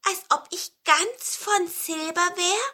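Woman doing a tiny squeaky scared pine cone. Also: slow pace, pushed and bright, exaggerated voice. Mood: pleased. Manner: fearful, pleading, high and squeaky. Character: small frightened male pine cone, timid.

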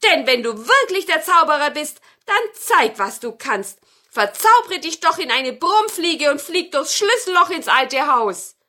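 A woman voicing a clever old grandmother from a fairy tale, slow, deliberate and questioning. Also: a little high, sing-song, pushed and bright, heavily acted. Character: clever, careful old grandmother in her kitchen.

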